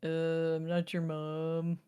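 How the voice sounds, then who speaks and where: A woman reads a worn-out young woman with a cold, weary and apologetic. Her voice sits low and moves slowly. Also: monotone, warm tone, clear, resonant tone.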